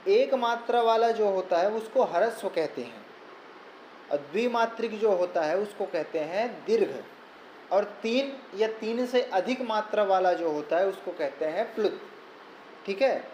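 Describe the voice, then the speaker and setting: Guy teaching a grammar class, slow patient repeats, roomy echo, faint hiss behind. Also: sits high, a little mellow. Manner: patient, repetitive step-by-step explaining. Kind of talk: recorded online lesson. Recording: echoey room with faint background noise.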